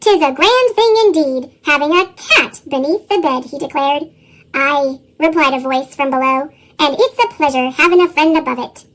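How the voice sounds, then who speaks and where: A storybook narrator whose voice is run through a sped-up chipmunk effect, reading a tale aloud with lively chuckles in the dialogue. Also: moderate pace, low-quality recording. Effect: sped-up, pitched-up chipmunk voice.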